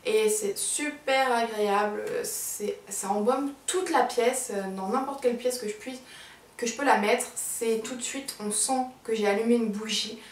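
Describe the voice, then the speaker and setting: A woman beauty vlogger chatting casually and enthusiastically about her monthly favorite products, pausing often with fillers. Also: on the high side. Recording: roomy sound from a distance.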